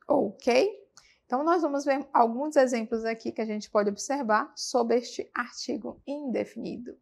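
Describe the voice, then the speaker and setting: A woman with a Brazilian accent teaching a televised English lesson, patiently repeating words slowly for students. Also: on the high side, vocal fry. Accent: Brazilian Portuguese. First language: Portuguese.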